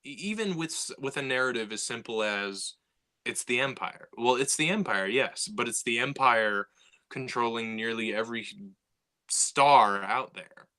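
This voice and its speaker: A podcast co-host chats casually in a bright, forward, mid-range voice at a moderate pace. His energy is animated, and he keeps restarting and repeating words as his thoughts outrun him.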